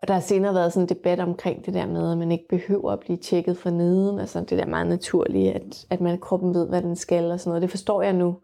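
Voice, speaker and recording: A young woman telling her own birth story frankly and vividly, often pausing on fillers. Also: fairly low pitch, level tone, creaky, warm tone. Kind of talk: candid personal storytelling.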